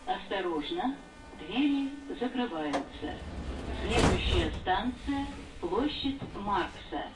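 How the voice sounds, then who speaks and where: A woman's pre-recorded announcement heard over the train intercom, formal, measured and evenly paced. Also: medium pitch, expressive, loud music behind the voice. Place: inside a moving metro train. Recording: echoey distant loudspeaker with loud train noise.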